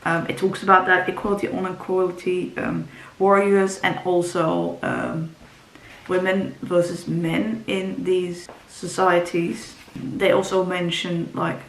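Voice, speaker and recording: A Dutch-speaking book vlogger talks casually to camera, her fairly low voice unhurried and barely moving in pitch. She rambles, with frequent ums and restarts. The recording has a roomy echo, faint ambience, and a little hiss or hum.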